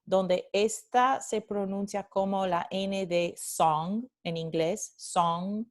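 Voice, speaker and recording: Speaking at medium pitch with fairly even intonation, a Spanish language instructor gives a recorded phonetics lecture. She explains slowly, moves back and forth between Spanish and English, and repeats example words to demonstrate pronunciation.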